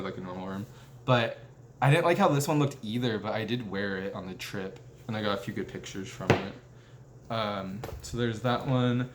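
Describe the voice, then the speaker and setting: A man's voice: medium pitch, slight background noise. Chatty young man, roomy sound. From United States. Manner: chatty, rambling, lots of "like" fillers and self-corrections. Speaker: vlogger. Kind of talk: casual rambling show-and-tell. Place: indoors at a table in a room. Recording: roomy echo with faint ambience.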